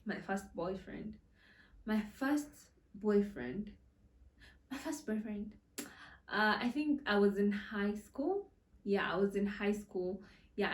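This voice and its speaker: A woman, telling stories in a casual storytime vlog, chatty and giggly with many fillers. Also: medium pitch. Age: 20s. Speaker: content creator. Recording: roomy echo, a bit far from the mic.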